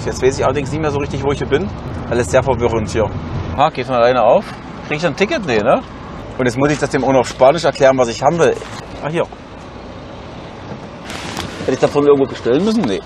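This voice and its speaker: A man's voice: medium pitch, quick pace, long pauses. A man in his thirties with a German accent, griping irritably and crudely in a casual vlog rant. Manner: irritated, exasperated, foul-mouthed griping. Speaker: livestreamer driving. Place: inside a car. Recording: clear car road noise.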